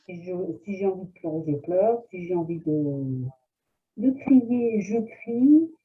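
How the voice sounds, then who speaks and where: A woman taking part in a group coaching call, speaking slowly and hesitantly. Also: fairly low pitch, animated. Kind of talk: casual sharing on a call. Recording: tinny phone-like call line.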